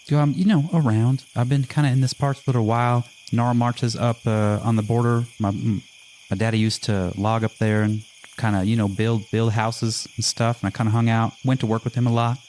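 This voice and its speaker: A man's voice: medium pitch, fairly even intonation, fairly quick, a little mellow, a little hiss or hum, lightly acted. A man voicing an upbeat, bro-ish young-looking half-elf man, the son of a logger. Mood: chatty.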